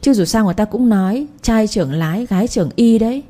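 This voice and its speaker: A woman voicing a sharp-tongued older mother-in-law who scolds and nags in a raised voice. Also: animated, quick pace, lightly acted. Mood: scornful. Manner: shrill, scornful, nagging.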